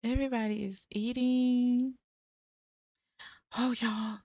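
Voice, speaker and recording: A woman's voice: a little high, fairly even intonation, slow pace, a little mellow, no room sound, lo-fi sound. A young woman giving casual, chatty gameplay commentary to her viewers, with frequent exclamations. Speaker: let's play creator.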